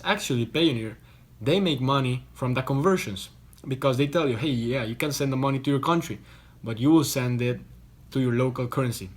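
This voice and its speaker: A young man from Costa Rica, talking to camera from a hotel room. His explaining is loose and chatty, full of restarts and repeated words, with a voice sitting at an ordinary middle pitch. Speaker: online business vlogger.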